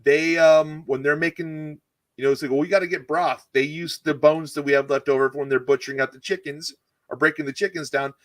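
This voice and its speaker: A man with a fairly high voice talks casually about cooking, rambling a little and restarting his sentences as ideas come to him. He sounds keen and easygoing, like a teacher explaining how his kitchen runs. The sound is dry and close, with no room around it. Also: little pitch movement, brisk, no echo. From California. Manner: rambling, self-correcting, enthusiastic about food. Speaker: cooking channel guest, culinary teacher. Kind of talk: casual interview chat.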